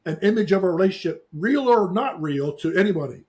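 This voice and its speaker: Fast, expressive and a little mellow, his high voice carries through a casual chat. The middle-aged co-host, from the US Eastern Shore, earnestly dispenses life advice on the talk show while repeatedly restarting his sentences.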